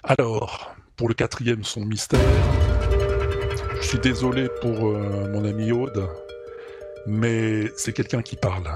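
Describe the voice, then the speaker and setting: Lively man hosting a stream quiz over loud music. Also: fairly low pitch, takes it slowly. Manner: lively, answers chat by name. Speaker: quiz host. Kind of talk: casual live-stream chat. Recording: loud music playing behind.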